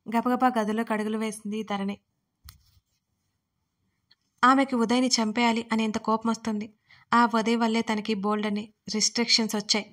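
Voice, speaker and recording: A woman reading a romance story aloud in a steady, soft-spoken narration. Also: fairly high pitch, moderate pace, long pauses.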